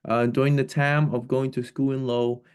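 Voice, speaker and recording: A man in his twenties from Cambodia, introducing himself as a candidate on a video call, talking haltingly with many restarts. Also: mid-range voice, flat delivery, a little mellow, smooth. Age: 20s. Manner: hesitant, many fillers and restarts. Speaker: political candidate.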